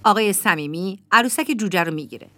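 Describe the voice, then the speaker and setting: Brief: woman reading scripted audio description, with lively intonation. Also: mid-range voice, a little hiss or hum. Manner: plain, even reading.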